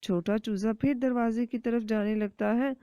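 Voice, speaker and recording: A woman narrating a children's cartoon story in a steady storytelling manner. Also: fairly high pitch, clear, resonant tone, dry recording. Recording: dull dry lo-fi recording.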